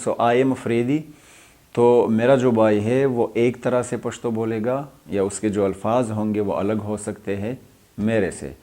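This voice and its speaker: A man's voice: on the low side, dark tone. A young adult man from Pakistan, an English lecturer explaining a lesson, repeating points and mixing in English terms.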